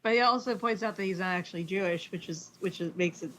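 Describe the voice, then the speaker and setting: A woman's voice: lowish voice, fast talker, fairly bright tone, slight background noise, low-quality recording. Enthusiastic woman podcast co-host. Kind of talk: casual chat.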